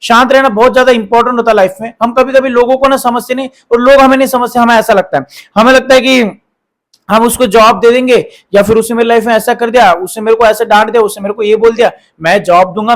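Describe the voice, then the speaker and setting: High-voiced man giving relationship advice. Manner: repetitive, lecturing, uses rhetorical questions and quoted examples. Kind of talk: casual advice talk to viewers.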